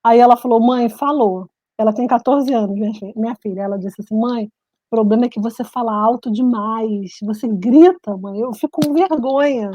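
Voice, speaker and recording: A Brazilian-born woman living in Switzerland telling stories in a lively, animated casual chat, laughing often. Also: fairly high pitch, normal speed, no room sound. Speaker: guest, writer and journalist. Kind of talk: casual video-call chat. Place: home in Switzerland.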